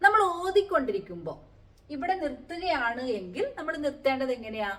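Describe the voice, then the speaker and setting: Woman, teacher, lively pitch, explains word by word, rhetorical questions. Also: a little fast. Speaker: Quran teacher. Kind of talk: Quranic Arabic lesson.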